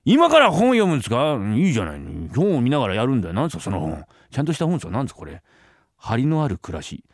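Brief: fearful, fawning male entertainer, voiced by a storyteller, rapid stammered protests. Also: medium pitch, huge pitch swings, no echo, studio quality. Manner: stammering, pleading, fast protests. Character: flustered male jester, flattering and fearful. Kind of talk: rakugo storytelling.

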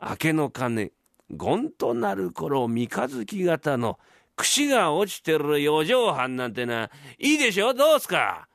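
A man voicing a blunt, warm-hearted common townsman who speaks coarse old Tokyo downtown street talk in a rakugo storytelling. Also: high voice, wildly swooping pitch, brisk, hardly any pauses, no room sound, clean studio sound, pitched above the performer's own voice, exaggerated voice. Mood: jolly. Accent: old Tokyo downtown speech.

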